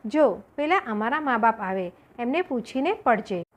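A woman voicing kind talking swans in a children's folk tale, speaking gently and reassuringly. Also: on the high side, very animated, moderate pace. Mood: kindly.

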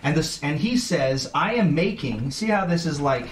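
A man acting as game teacher explains a board game's rules to players around a table in a casual, chatty way, laughing often. His voice is on the high side, animated, and moderately paced. It's recorded from a distance in an echoey room with faint noise.

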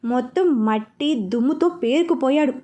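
A woman's voice: high-pitched, animated, normal speed, mellow. A woman reading a serialized romance story aloud, lifting her voice for the characters' lines. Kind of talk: scripted story narration with acted dialogue.

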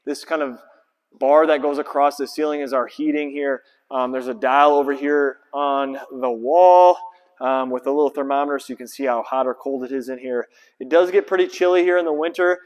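A basketball trainer in his thirties gives a casual walkthrough vlog in a large, empty, reverberant indoor gym, wearing a clip-on lapel mic. His mid-pitched voice is relaxed and a little fast as he explains and points things out, using lots of fillers.

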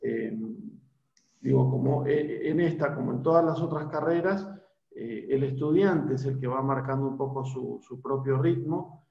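A gravelly, mid-range voice at normal speed belongs to a university lecturer in his forties with an Argentine Spanish accent, giving an informal, hesitant talk to prospective students with many fillers and restarts. He uses a laptop webcam on a video call in a small home room, and the sound is echoey and dull lo-fi.

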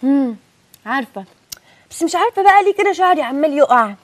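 A woman's voice: sits high, lively intonation, quick pace. A woman with an Egyptian accent playing a dieting wife, whiny and complaining. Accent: Egyptian Arabic. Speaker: wife in comedy sketch.

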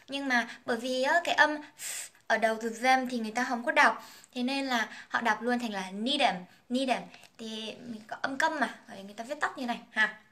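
A woman's voice: on the high side, a bit bright. A young woman whose first language is Vietnamese, teaching an English song, explaining phrases and pronunciation and singing lines in a casual, chatty way.

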